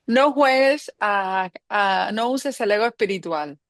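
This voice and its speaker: A woman's voice: medium pitch, lively intonation, slow pace, no room sound. A woman leading a spiritual group session, talking in a reflective, playful way and laughing often. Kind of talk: guiding a group meditation talk.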